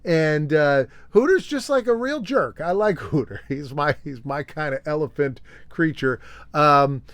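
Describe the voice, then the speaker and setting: A man's voice: fairly high pitch, no room sound. A man hosting an unscripted show-and-tell, rambling nostalgically with fillers and chuckles. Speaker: host.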